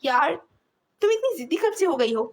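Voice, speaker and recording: A man's voice: very high-pitched, sing-song, normal speed, exaggerated voice. A woman voicing a stubborn, protective young man in an audiobook, firm and pleading by turns. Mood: coaxing.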